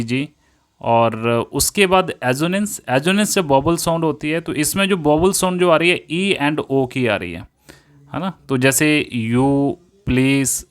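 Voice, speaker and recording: A man teaching an English poetry lesson, explaining step by step, often repeating himself and reading quoted lines slowly. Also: medium pitch, smooth.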